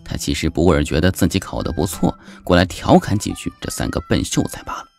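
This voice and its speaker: A man narrating an audiobook novel, lively and animated, lifting his voice for excited characters. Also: fast, creaky. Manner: lively storyteller, jumps high for shouting characters. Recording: background music under the voice.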